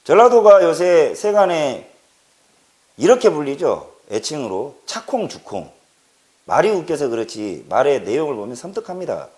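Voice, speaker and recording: A man's voice: fairly high pitch, sing-song, normal speed, a little mellow. A man from Jeolla delivering an impassioned political monologue, stressing points by repeating words and asking rhetorical questions. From Jeolla, South Korea. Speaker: political commentator.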